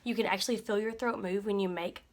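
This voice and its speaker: A woman's voice: medium pitch, fairly even intonation, fast. A young adult woman, a speech-language pathologist, walks through articulation cues in a plain instructional way. She keeps stopping to model the target sounds herself, repeating short syllables so the listener can follow. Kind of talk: instructional explanation.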